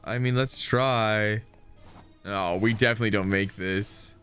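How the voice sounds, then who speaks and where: A man streaming a video game, chatting casually with his viewers in an excitable, rambling way full of asides. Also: on the low side, measured pace, clear, resonant tone, faint music behind. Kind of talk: casual gameplay chat with viewers.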